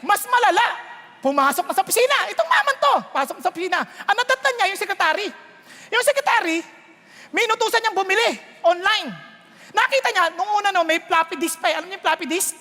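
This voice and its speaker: High-voiced Filipino preacher in a hall. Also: male voice, quick pace. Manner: animated storytelling, mixing Tagalog and English. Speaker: pastor. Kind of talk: sermon. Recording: long hall reverb.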